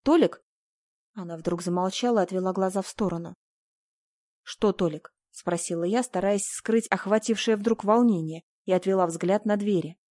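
A woman narrating a first-person story in a measured, introspective way, like an audiobook reading. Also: medium pitch, warm tone, no echo, clean studio sound.

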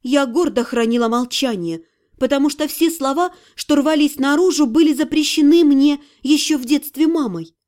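A woman narrating a first-person fantasy audiobook in an expressive, measured way. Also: high-pitched.

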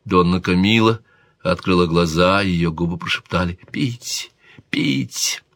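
A man reading a historical romance aloud like an audiobook, expressive and theatrical in delivery. His voice sits low, and the recording is close and dry with no room sound. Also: dry recording. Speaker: narrator.

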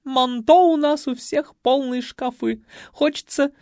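Brief: high, languid, spoiled society dame, man playing her. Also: steady tone, darkish tone, dry recording, studio quality. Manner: swooning, drawn-out.

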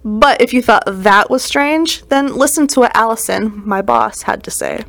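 A woman reporter reading scripted narration in an even delivery. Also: fairly high pitch, moderate pace, vocal fry, no echo. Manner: even, read-aloud delivery. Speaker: student news reporter.

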